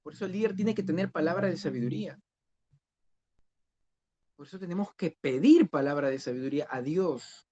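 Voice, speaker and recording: A man's voice: a little high, lively intonation, a little fast, long pauses, warm tone. A man teaching a discipleship Bible class who questions his students and repeats key phrases. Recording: dull lo-fi recording.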